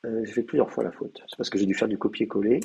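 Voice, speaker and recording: A man's voice: lowish voice, steady tone, quick pace, gravelly, mellow, dull audio. A man with a French accent giving a university lecture, hesitant, with many fillers and restarts. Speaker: teacher.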